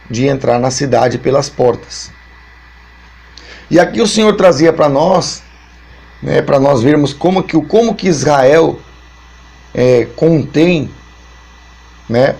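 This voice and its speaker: A man's voice: mid-range voice, creaky, darkish tone, husky. A man with a Brazilian Portuguese accent, a pastor giving a Bible teaching lesson, explaining step by step and repeating his points. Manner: explains slowly and repeats points, many fillers.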